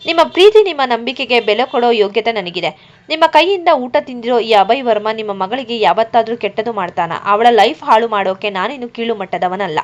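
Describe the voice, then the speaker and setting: Protective young businessman, read by a woman, grave, reassuring, fairly high voice, dull lo-fi sound. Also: lively intonation, a little fast, lightly acted. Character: rich confident young male businessman, protective. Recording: dull lo-fi recording.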